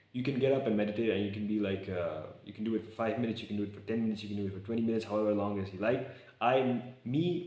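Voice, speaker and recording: A young man vlogging in casual, excitable talk to camera, slangy and swearing. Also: lowish voice. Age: young adult. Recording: echoey room.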